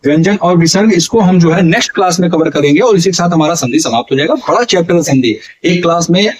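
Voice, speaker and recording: A man's voice: on the high side, animated, fast, breathy edge, poor audio. A man teaching an online exam-prep lesson, asking his viewers questions and answering them himself, drawing out the key syllables. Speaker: Hindi teacher.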